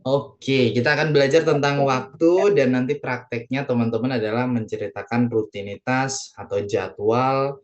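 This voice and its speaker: A man's voice: mid-range voice, fairly even intonation, moderate pace, dull audio. A man with an Indonesian accent teaching an online English lesson, patiently repeating each point and translating it phrase by phrase.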